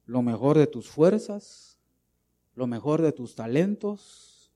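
Pastor guy preaching, fairly high but mellow voice, throws questions at the crowd. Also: expressive, takes it slowly. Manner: preaching with rhetorical questions and repetition; swings between loud emphatic bursts and quiet asides. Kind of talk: sermon.

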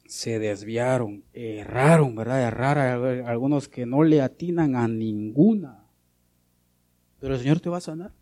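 A man preaching a sermon as a pastor, shifting between loud and soft, asking rhetorical questions and addressing listeners as brother. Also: mid-range voice, unhurried.

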